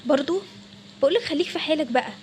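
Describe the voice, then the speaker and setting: A woman's voice: sits high, lively intonation, racing, darkish tone, a little hiss or hum. A woman with an Egyptian Arabic accent voicing an exasperated young bank clerk in a toy role-play story. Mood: annoyed. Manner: exasperated, snapping back.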